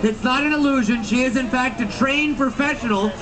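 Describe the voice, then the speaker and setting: A man's voice: extremely high pitch, a little fast. A man working a crowd as a sword-swallower sideshow barker, with theatrical, emphatic showman's patter. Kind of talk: live sideshow pitch to a street crowd. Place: busy street outside an attraction, later its lobby. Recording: distant mic, crowd around.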